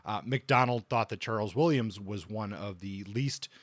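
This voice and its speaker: A man co-hosts a book podcast, chatting casually in a lowish voice. He speaks haltingly, often rephrasing as he thinks out loud, and the recording is dry.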